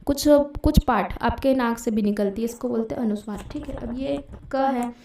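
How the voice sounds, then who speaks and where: Female teacher, highish mellow voice, explaining patiently and repeating key terms, roomy echo. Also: normal speed, distant mic, a little hiss or hum. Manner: explanatory, repeats and checks with "theek hai". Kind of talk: exam-prep grammar lesson.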